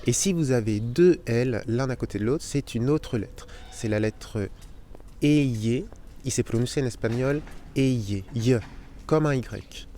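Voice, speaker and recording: A man's voice: mid-range voice, warm tone, a little hiss or hum. Man teaching Spanish letters. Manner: explains slowly, spelling out sounds and repeating them. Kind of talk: language lesson.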